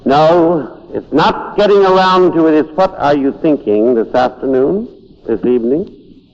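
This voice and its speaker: A man with a voice on the high side and a darkish tone gives an inspirational lecture to a hall audience, unhurried but with lively intonation. He is emphatic, repeating words to drive his points home. The recording is dull and lo-fi with long hall reverb.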